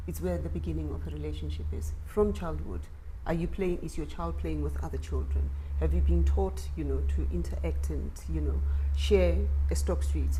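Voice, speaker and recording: Calm, low-voiced female guest. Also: slight background noise, poor audio. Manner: measured, reflective, lists examples, affirms with "absolutely". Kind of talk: conversational spiritual talk show. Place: studio.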